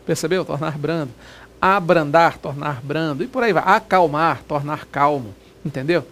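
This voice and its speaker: A man teaching a recorded grammar lesson for exam prep, lively, and always asking the viewer questions. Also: on the high side, moderate pace, slight background noise.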